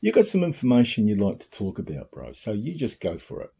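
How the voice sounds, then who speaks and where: A man's voice: lowish voice, wildly swooping pitch, fairly quick, creaky, warm tone, husky, muffled recording. A man hosting a talk show in an earnest, informal, chatty way, using greetings. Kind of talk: casual chat show introduction.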